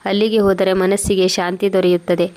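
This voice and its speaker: A woman reading the lines of a hurt, gentle elderly mother in a storybook tale. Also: medium pitch, little pitch movement, a little fast, natural voice. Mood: hurt, pleading.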